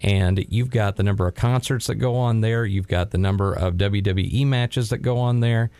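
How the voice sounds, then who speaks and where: Man, sports talk co-host, low voice, playful sarcasm, dry studio sound. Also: normal speed, a little mellow, clear, resonant tone, dry recording.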